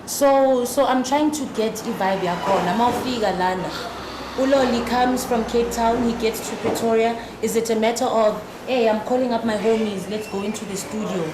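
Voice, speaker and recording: A South African woman hosting a podcast interview, lively, mixing Zulu words into her English questions. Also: on the high side, normal speed. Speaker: podcast host. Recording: echoey room with background noise.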